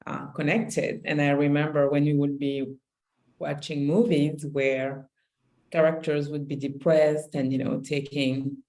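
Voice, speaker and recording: A woman from Senegal, co-hosting a podcast, talking candidly and reflectively in relaxed conversation, often restarting her phrases. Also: low voice, a little slow, low-quality recording. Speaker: podcast co-host.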